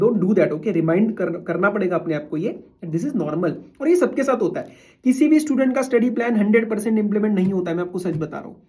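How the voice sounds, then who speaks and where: A man's voice: sits high, a little mellow. A man mentoring exam students in a casual motivational talk, mixing Hindi and English as he gives firm, reassuring advice. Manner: conversational, mixes Hindi and English freely.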